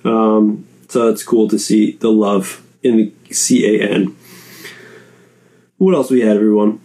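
A man hosting a solo chat show, rambling and casual, repeating words as he goes and swinging his pitch up and down. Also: fairly even intonation, measured pace, dark tone. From Canada. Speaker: podcast host.

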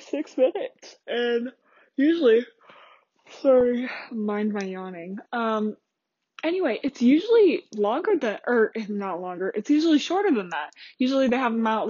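A young adult woman hosts a podcast, her voice on the high side with a darkish tone. She rambles through a casual story full of fillers and restarts, captured in a dull, dry, lo-fi recording.

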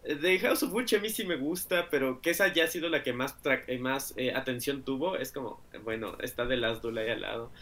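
This Mexican-accented man co-hosts a podcast and talks films in a relaxed, chatty way, laughing readily and padding his speech with plenty of fillers. His voice sits at a medium pitch with a fairly bright tone.

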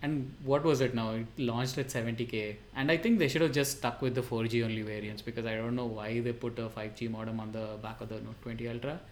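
A man's voice: medium pitch, steady tone, quick pace, few pauses, a little hiss or hum. A man co-hosting a tech podcast, blunt and exasperated, swearing often. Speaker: podcast co-host. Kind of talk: casual tech podcast chat.

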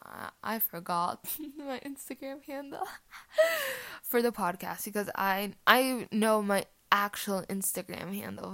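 A teenage girl whose first language is Portuguese hosts her own podcast, chatting in a rambling, giggly, casual way full of fillers. Her voice is medium-pitched with a fairly bright tone.

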